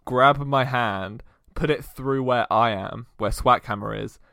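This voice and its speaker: A man taking part in a tabletop role-play as a player, his voice bright and forward. He states his actions deadpan and matter-of-fact, recorded close and dry. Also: medium pitch, measured pace, creaky, no room sound.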